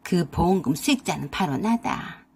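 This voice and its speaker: A stern, hot-tempered old mother-in-law scolds in a low, booming, slow voice, as a woman reader puts her on. A breathy edge runs through her words. It is a storybook radio drama with one reader playing every part. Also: animated, darkish tone. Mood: scolding. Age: older.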